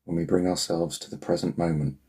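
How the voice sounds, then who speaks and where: A man leading a guided healing meditation in a soothing, unhurried murmur, leaving long pauses between phrases, with a gravelly, husky voice. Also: low voice, fairly even intonation, darkish tone.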